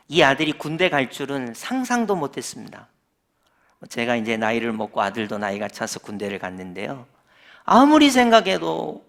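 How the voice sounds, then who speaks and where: A man's voice: mid-range voice, creaky, a bit bright. A middle-aged male pastor preaching in a church. He acts out lines of dialogue and asks the congregation questions. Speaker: senior pastor. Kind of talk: sermon. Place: church sanctuary.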